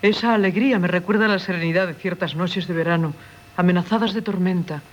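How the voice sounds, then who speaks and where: In a Castilian Spanish radio drama, an actress plays a melancholy married woman who longs for the sea, delivering her lines in a dramatic, wistful, theatrical way. Her voice is lowish, natural, and quick, heard through a dull, noisy old radio broadcast.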